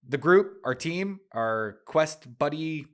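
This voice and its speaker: A young adult man hosting a casual book podcast, chatty and loose, laughing often, his throat dry so he keeps clearing it. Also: on the high side, expressive, slow. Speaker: podcast host.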